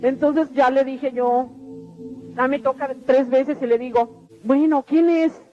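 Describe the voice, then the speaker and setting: A woman's voice: high voice, little pitch movement, measured pace. A middle-aged woman tells her religious testimony in an earnest, repetitive storytelling way. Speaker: testimony speaker. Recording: dull lo-fi radio recording with faint music.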